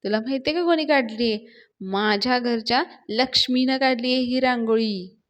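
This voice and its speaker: A woman's voice: a little high, normal speed, close to an everyday voice. A woman voicing a boastful, teasing older village father-in-law in a sing-song manner.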